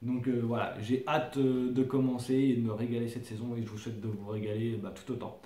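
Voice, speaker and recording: A man's voice: mid-range voice, level tone, fairly quick, dark tone. A man from France casually presenting his fishing lures to camera, hesitant, with many fillers and restarts. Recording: echoey room.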